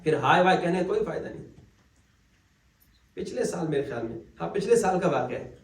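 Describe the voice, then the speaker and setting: A man's voice: a little high, animated. A male Islamic cleric giving a religious lecture, telling stories and acting out the voices of the people in them. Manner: storytelling, acts out quoted voices. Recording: echoey hall, mic at a distance.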